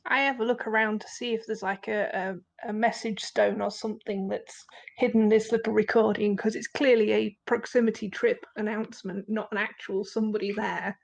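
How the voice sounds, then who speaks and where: A woman's voice: medium pitch, level tone, moderate pace, creaky, rough recording. A woman chatting casually as a player in a tabletop role-playing game.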